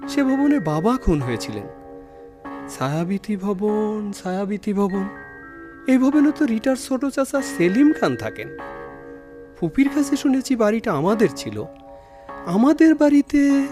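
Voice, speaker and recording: An actor playing an earnest, troubled young son devoted to his mother, in theatrical old radio show drama delivery over music. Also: high voice. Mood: agitated. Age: young adult.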